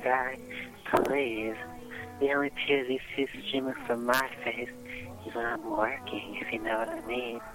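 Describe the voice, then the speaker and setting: A woman's voice: extremely low pitch, fairly even intonation, measured pace, over music, low-quality recording. Brassy, flirty woman caller. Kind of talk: comedic call-in banter.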